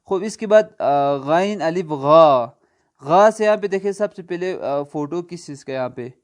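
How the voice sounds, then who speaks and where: A man teaching an online language lesson, asking quiz questions and answering them himself, slowly spelling out letters. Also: high-pitched, expressive, a little mellow. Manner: slow spelled-out letter names.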